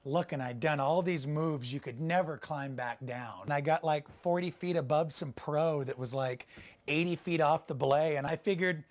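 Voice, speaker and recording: A man's voice: on the high side, normal speed. A man from Texas telling wild stories from his life in a documentary interview, blunt and profane, acting out voices as he goes. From Austin, Texas. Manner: animated storyteller who acts out voices in his tales.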